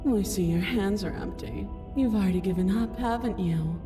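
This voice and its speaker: A woman voicing a towering giant princess in a game, her booming voice magically amplified, speaking in an imperious, condescending way. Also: moderate pace. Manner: imperious, purring, talks down to the listener. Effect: booming, magically amplified voice with a long echo. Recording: long hall reverb from game audio. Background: game music.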